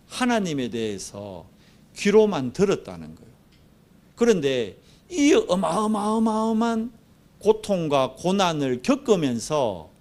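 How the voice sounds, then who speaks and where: Animated pastor preaching. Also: male voice, on the high side. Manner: animated storytelling, acting out the dialogue. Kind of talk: sermon.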